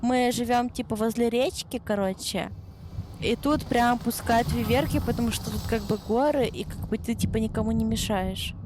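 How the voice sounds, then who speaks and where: A young woman chatting casually on a gaming stream in a cute anime-streamer manner, excitable and playful, full of exclamations. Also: fairly high pitch, normal speed. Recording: clear background noise on stream mic.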